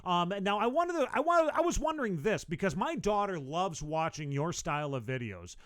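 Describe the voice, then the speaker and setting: Laid-back, high-voiced male host, dry sound. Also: moderate pace, no echo. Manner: relaxed, loose, with many "uh" fillers. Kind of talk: casual livestream interview.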